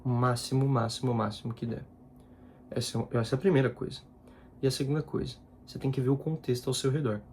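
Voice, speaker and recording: A man in his 20s, a content creator, chats casually in a personal vlog, often repeating himself and tossing in slangy asides. His voice is medium-pitched, creaky and warm, with a little hiss or hum in the audio.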